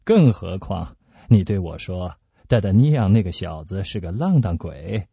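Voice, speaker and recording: Man doing a scheming cardinal, low dark voice, husky, measured, dull lo-fi sound. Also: expressive, no echo, exaggerated voice. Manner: measured, dismissive. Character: cold scheming male cardinal, powerful. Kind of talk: radio storytelling. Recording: dull lo-fi recording.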